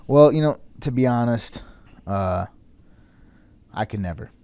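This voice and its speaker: A man in his thirties, a company chief on a podcast, joking in a deadpan way with drawn-out pauses. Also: mid-range voice, clear, resonant tone, dry recording. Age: 30s. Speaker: podcast guest, company CEO. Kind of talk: casual podcast chat.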